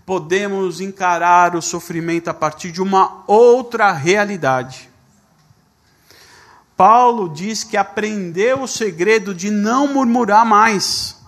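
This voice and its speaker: A man preaching a sermon as a pastor, reading scripture slowly and telling stories with voiced dialogue. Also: high-pitched, fairly bright tone. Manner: storytelling with quoted dialogue.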